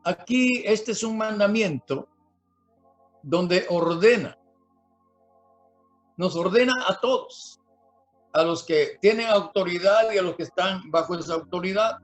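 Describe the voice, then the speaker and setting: Slow, high-voiced male preacher. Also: soft background music. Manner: slow, halting delivery with many fillers and repeated words; dictates words slowly for listeners to write down. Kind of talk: sermon.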